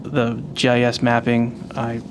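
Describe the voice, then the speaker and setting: Man, level intonation, agent's meeting report, pauses mid-phrase, faint room noise. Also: mid-range voice, completely flat delivery. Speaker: wetlands agent giving a report. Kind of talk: spoken report at a public meeting. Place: municipal agency meeting.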